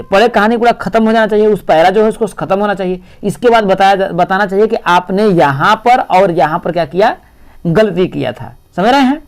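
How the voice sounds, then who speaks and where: A male teacher giving an exam-prep lecture, explaining step by step and repeating "see" often. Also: high-pitched.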